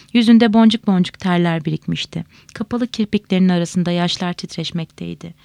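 A woman reading a novel aloud in a measured, expressive way. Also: mid-range voice, no room sound. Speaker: audiobook reader.

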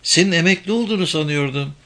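A man voicing a frightened, grieving mother who speaks softly and anxiously in an audiobook reading. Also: a little high, fast, pitched above the performer's own voice. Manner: soft, anxious, sometimes whispering.

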